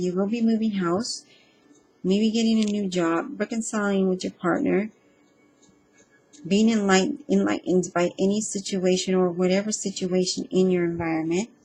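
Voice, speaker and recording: A woman giving a casual spoken tarot reading, earnest and reassuring, speaking haltingly with frequent ums and restarts. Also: lowish voice, a little mellow, slight background noise, poor audio. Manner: hesitant and halting, with frequent ums and self-repeats; earnest and reassuring, addressing the listener directly. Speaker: tarot reader.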